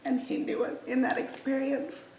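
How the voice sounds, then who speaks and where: Earnest mother with a gravelly, roomy voice. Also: sits high, little pitch movement, normal speed, heavy background noise. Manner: earnest, emotional and reflective. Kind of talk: personal testimony interview. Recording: roomy, slightly distant mic.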